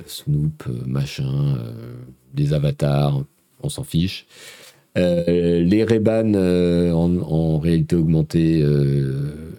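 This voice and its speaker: A man's voice: rumbling low, creaky, dark tone. A man with a cold and a blocked nose hosts a live tech news show in French, talking casually with many hesitations. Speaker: host.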